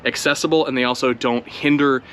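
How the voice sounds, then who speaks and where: A man giving relaxed, chatty commentary outdoors while he flies a drone, talking it through as he goes. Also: mid-range voice, fairly quick, slight background noise. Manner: relaxed, chatty, thinking aloud while flying. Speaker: drone video creator. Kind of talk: casual first-flight commentary.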